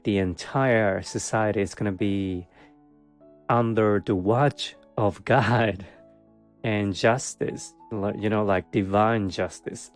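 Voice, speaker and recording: A man giving a casual monthly tarot reading, hesitant and full of fillers, with a wry, sarcastic streak and frequent laughs. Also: on the low side. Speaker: tarot reader.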